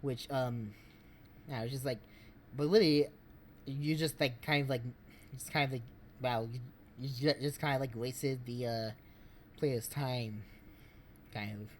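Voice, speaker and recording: A man's voice: medium pitch, fairly even intonation. Guy on a stream rambling about a game plot, keeps restarting his sentences, faint hiss behind him. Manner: rambling, halting explanation. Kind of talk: casual game commentary.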